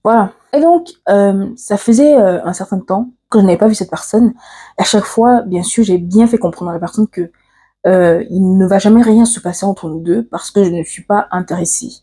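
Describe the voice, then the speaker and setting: A woman with an African French accent telling a personal story to camera, earnest and confiding, pausing often on fillers and restarts. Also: mid-range voice, mellow, husky. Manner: hesitant, frequent "euh" fillers and restarts. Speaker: vlogger.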